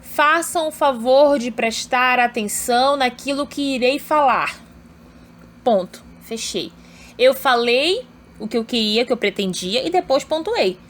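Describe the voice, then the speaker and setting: A woman teaching an online grammar lesson, explaining step by step and often checking in with her students. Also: high voice.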